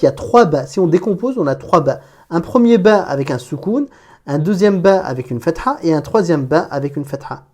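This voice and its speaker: A woman's voice: low-pitched, a little mellow. A woman teaching an Arabic reading lesson, patiently reading word by word and explaining pronunciation.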